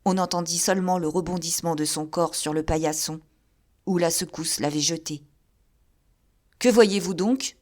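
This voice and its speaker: A woman reading an audiobook as narrator, in a measured, even storytelling manner. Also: low-pitched. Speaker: audiobook reader. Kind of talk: scripted narration.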